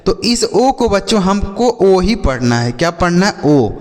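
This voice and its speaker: A man's voice: sits high, very animated, a little slow, darkish tone, in a large hall. Man teaching phonics with call-and-answer. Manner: repeats questions and answers them himself, spelling words letter by letter. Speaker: English teacher. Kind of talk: classroom phonics lesson.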